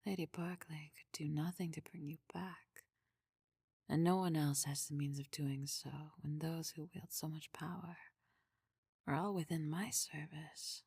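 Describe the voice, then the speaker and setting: Possessive necromancer queen played by a woman, whispered role-play. Low, heavily breathy, formal and measured, soft but controlling. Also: steady tone, dry recording, clean studio sound, heavily acted. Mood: possessive, persuasive. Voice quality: deep, breathy, husky.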